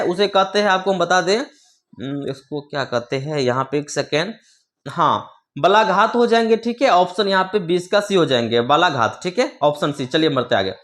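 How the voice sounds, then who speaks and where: A man with a high-pitched voice works through a multiple-choice answer key as a teacher. He talks in a repetitive, filler-heavy way and keeps checking in with his students as he goes. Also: a bit bright. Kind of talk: exam answer walkthrough.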